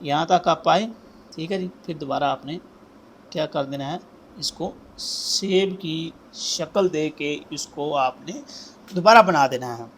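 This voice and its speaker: A man speaks in a high, light voice as he gives a handwriting lesson. He explains each stroke step by step as he writes it. He often calls out to his students to check they are following. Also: measured pace, slight background noise. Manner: step-by-step instruction, often says "ठीक है जी" and calls out "students". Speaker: teacher.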